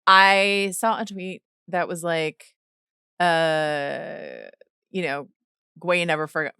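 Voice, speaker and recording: Bright, crisp-voiced woman podcast co-host. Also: lowish voice, takes it slowly, no room sound, studio quality. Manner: animated, incredulous, reads listener emails. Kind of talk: casual TV recap chat.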